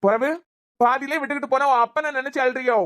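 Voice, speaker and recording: Woman as a nagging cartoon husband, quick, higher-pitched, Kanyakumari Tamil accent, scolding. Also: fairly even intonation, fairly bright tone. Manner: scolding and impatient. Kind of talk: cartoon serial voice acting.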